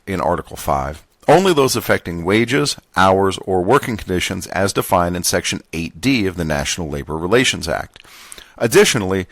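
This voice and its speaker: A man hosting a podcast, reading a labor contract manual aloud word for word in a plain, steady voice, now and then stumbling and correcting himself. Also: on the low side, creaky, dry recording. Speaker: podcast host.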